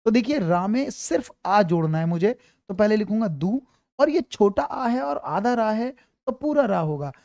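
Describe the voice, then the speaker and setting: Man, grammar teacher, warm relaxed tone, dry close sound, repeats himself, keeps checking understanding. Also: high voice, normal speed, gravelly, no echo. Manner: repeats points, keeps checking if students follow; calls students "beta", reassuring. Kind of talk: online class lecture.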